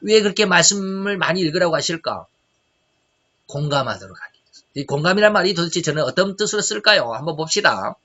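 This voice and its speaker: A middle-aged man preaching a sermon, asking rhetorical questions and swinging between loud and soft. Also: fairly high pitch, animated, a little fast. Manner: emphatic preaching, rhetorical questions, shifting loudness. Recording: dull lo-fi recording.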